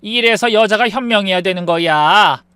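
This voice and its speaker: A woman's voice: medium pitch, normal speed, a bit bright, clean tone, dry recording, close to an everyday voice. A woman voicing a domineering older mother-in-law who talks with scorn and scolds. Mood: scornful. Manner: scolding, contemptuous.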